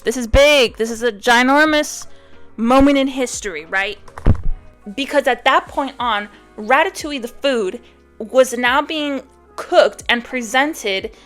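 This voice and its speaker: A woman talking casually to camera in a video commentary, chatty and excitable, often tagging her sentences with a quick question. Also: on the high side. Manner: chatty, keeps tagging "right?"; excitable, emphatic repetition. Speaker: art YouTuber.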